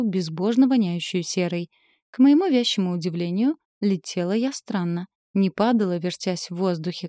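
Warm low-voiced woman narrating an audiobook. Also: no echo, clean studio sound. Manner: lively, wry first-person storytelling.

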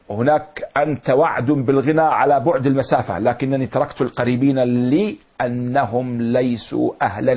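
A middle-aged man delivers a patient lecture on classical poetry. He speaks in a husky tone at an ordinary pitch, going over words again and glossing them. The recording is dull and lo-fi. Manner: explains slowly, repeating and glossing words. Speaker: teacher.

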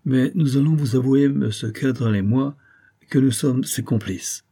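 A man's voice: medium pitch, measured pace, warm tone, voice pushed up. A man reading an audiobook and voicing a sly impostor posing as a surgeon, speaking with false candor. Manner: smooth, falsely candid.

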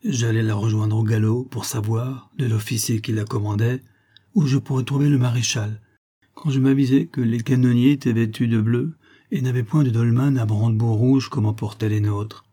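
A man reading a novel aloud in a steady, measured storytelling manner, with a husky voice. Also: medium pitch. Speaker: audiobook reader. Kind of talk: scripted narration.

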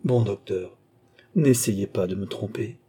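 A man's voice: fairly low pitch, unhurried, husky. A man voicing a sad young noblewoman. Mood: pleading. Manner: soft, sorrowful.

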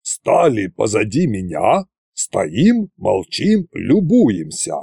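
A gravelly old undead tsar, as a male narrator puts him on, drawling slow and gruff. The voice is raspy and dark, with a lively swing of pitch. It sounds dry and close to the mic. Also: no room sound, heavily acted. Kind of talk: audiobook character voice.

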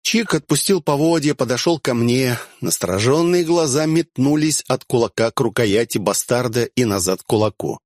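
A man's voice: medium pitch, expressive, normal speed, few pauses, no echo. A man narrating a first-person fantasy audiobook with a wry, dry-humored delivery.

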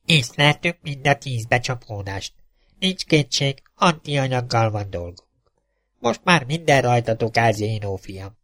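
A man voicing an old male professor with a raspy voice, calling in over the radio in an audiobook reading. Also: mid-range voice, lively intonation, a bit bright, no room sound, studio quality, lightly acted. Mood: grave. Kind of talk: audiobook character voice.

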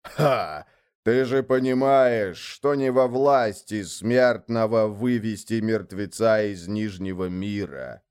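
A man voicing a giant male lord of the underworld, wrathful and scornful, who growls and thunders slowly in a storybook reading. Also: fairly low pitch, a little mellow, clean tone.

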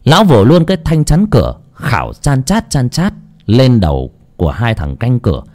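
A man narrating a dark folk story in a dramatic, animated way. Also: medium pitch, moderate pace.

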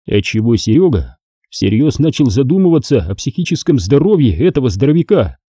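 A man narrating an audiobook in an expressive, lively storytelling manner. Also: medium pitch, brisk, husky, dry recording, studio quality.

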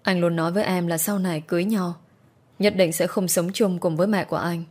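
A young woman telling a first-person story in a plain, steady way. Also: lowish voice, fairly quick. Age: young adult.

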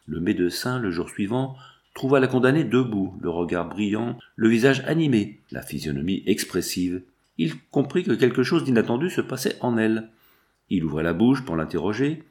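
A man reading a classic novel aloud as an audiobook narrator, with a steady storytelling delivery. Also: on the low side, normal speed.

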